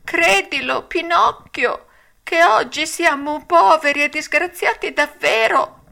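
A woman's voice: high-pitched, slow, gravelly, sharp tone, pitched above the performer's own voice, exaggerated voice. A woman voicing a cunning male fox who begs in a whining, tearful tone. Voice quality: whiny, pleading.

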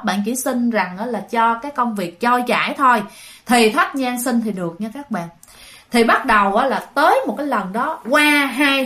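A woman with a slightly high, fairly bright voice tells a ghost story in a casual, chatty style, addressing her listeners directly.

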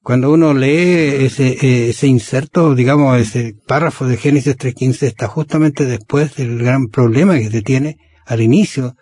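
A man's voice: medium pitch, moderate pace, few pauses, darkish tone, husky, no room sound. A man hosting a religious radio program, talking casually and often adding rhetorical tag questions.

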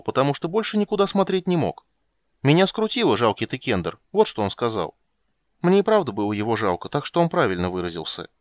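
A man's voice: on the high side, no echo, clean studio sound, pitched above the performer's own voice. A man voicing a cheerful, curious young male kender who rambles eagerly in an audiobook.

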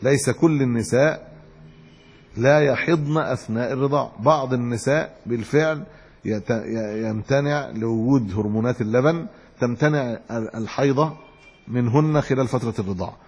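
Man, religious lesson, reading then explaining, slightly husky, long hall echo. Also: mid-range voice, moderate pace, darkish tone. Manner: reads chains of narrators then explains in plain words with restarts. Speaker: sheikh teaching hadith. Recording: dull lo-fi recording with long hall reverb.

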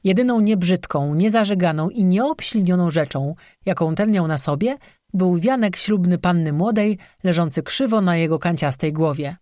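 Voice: medium pitch, moderate pace, darkish tone, no echo, clean studio sound. A reader giving vivid scripted narration of a folk legend. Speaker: audiobook narrator.

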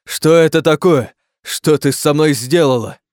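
A huge monster, once a man, rumbles low and shouts in distress, as a male audiobook reader voices him. The sound is close and dry. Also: a little slow, no echo. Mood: furious.

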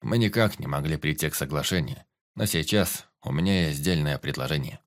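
A man's voice: extremely low pitch, brisk, no room sound, voice pushed down. A man voicing a sturdy middle-aged warrior and father in an audiobook, speaking steadily and earnestly. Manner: steady, earnest, good-humoured.

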